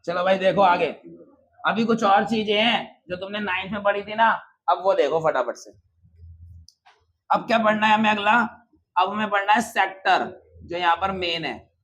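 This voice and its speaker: A high-voiced man teaches a maths lesson to a room of students in a lively, casual way, calling them brother. He keeps posing questions to the class and answering them himself, speaking at a moderate pace with frequent pauses on a low-quality recording.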